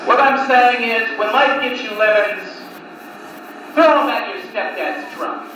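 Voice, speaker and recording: A stand-up comedian performs a live set of one-liners at a comedy venue, captured on a noisy cassette tape from a distant mic in a very echoey room. His voice is strikingly high for a man, pushed and bright, and he delivers each joke deliberately with long pauses in between.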